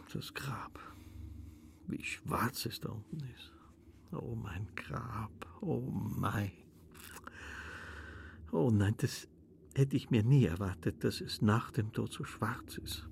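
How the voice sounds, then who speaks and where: A vain, mournful ghost of an old shopkeeper, speaking in a low, gravelly voice. He broods over what he lost and keeps sinking into a hushed whisper. It is a literary radio play monologue. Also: slight background noise. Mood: haunted. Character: dead older male shop owner, vain and mournful.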